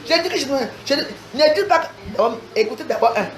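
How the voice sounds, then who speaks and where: A woman's voice: sits high, lively intonation, fast, reverberant. A woman ranting angrily on her own livestream, hurling insults and challenges in a confrontational, repetitive way. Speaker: social media livestreamer. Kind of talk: angry livestream rant.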